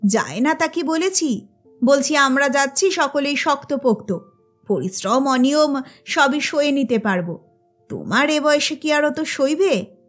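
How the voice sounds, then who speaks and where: Storybook figure: a fidgety, overtalkative grown son, hurried speech, as a woman narrator puts him on. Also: high-pitched, expressive, fairly bright tone, faint music behind. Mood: awkward. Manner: hurried, awkward, talkative.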